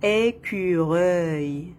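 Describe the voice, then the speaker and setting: A woman with an Arabic accent teaching French phonics, repeating each word slowly and counting the syllables. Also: fairly low pitch, a little mellow. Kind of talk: slow, deliberate phonics lesson. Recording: faint background noise.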